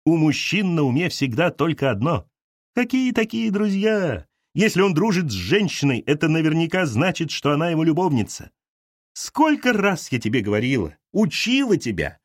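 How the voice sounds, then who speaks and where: A small bossy older woman laying down the law, as a male narrator puts her on, lively and sing-song when she mocks. the recording is dry and close. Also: a little high, normal speed, dry recording, voice pushed up. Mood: scornful. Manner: lecturing, sharp and commanding. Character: bossy little older woman, scornful and preachy.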